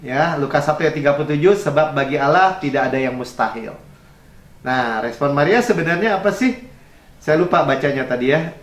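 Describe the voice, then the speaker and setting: A man's voice: on the high side, animated, brisk, roomy sound. A man preaching a sermon as pastor, conversational and chuckling, slipping English phrases into his talk. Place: church.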